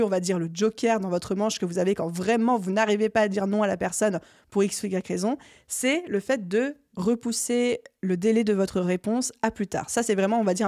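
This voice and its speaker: A young woman hosting a solo business podcast, explaining her methods in a clear, structured coaching way with lively emphasis. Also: mid-range voice, no echo, clean studio sound. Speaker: podcast host. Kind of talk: solo podcast advice talk.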